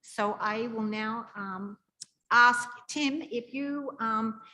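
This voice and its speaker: A woman presenting at a professional meeting, introducing video clips with measured speech and filler pauses. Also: fairly high pitch, bright, forceful tone, poor audio. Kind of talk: conference presentation.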